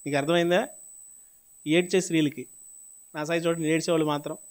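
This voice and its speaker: Male pastor, Telugu accent, fairly high voice, dramatic sermon delivery, loud-to-soft swings. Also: fairly even intonation, quick pace. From South India. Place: church hall.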